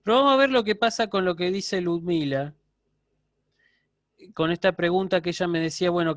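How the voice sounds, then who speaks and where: A man's voice: a little high, no room sound, clean studio sound. A man giving a university lecture online, explaining step by step and checking in with his students. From Argentina.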